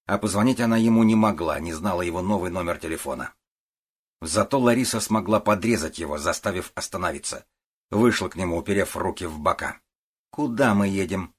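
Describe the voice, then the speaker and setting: A man narrating an audiobook in a steady, even storytelling manner. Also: deep voice, breathy edge.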